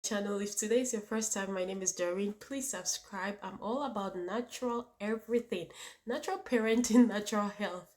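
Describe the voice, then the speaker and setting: A woman with a Ghanaian accent hosts her vlog channel, speaking emphatically to viewers in an opinionated, personal talk, repeating points and asking rhetorical questions. Her mid-range voice is a little mellow and moves at a moderate pace, with slight background noise.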